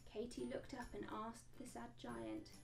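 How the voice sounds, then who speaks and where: A woman, a children's book author, reading a picture book aloud with gentle, expressive storytelling. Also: a little high, unhurried, far from the mic, music in the background.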